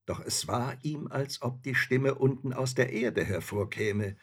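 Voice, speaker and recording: A man narrating a fairy tale in a slow, measured storytelling manner. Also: medium pitch, husky.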